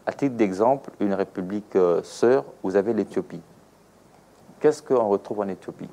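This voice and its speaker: This man has a warm, lowish voice and talks at normal speed. He is an aviation expert from the Democratic Republic of the Congo with a Congolese French accent, answering interview questions didactically with examples and rhetorical questions.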